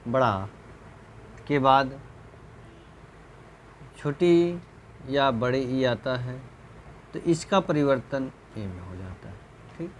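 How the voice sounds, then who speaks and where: A Hindi teacher's grammar lecture for exam preparation was recorded with a little hiss or hum. He moves slowly, repeats points, clears his throat often, and asks rhetorical questions to check understanding, his voice falling low at the close of each answer.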